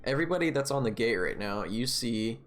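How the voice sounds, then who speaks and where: A man narrating a tabletop game as game master, descriptive and casual, sometimes halting as he improvises. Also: mid-range voice, lively intonation. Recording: music behind the voice.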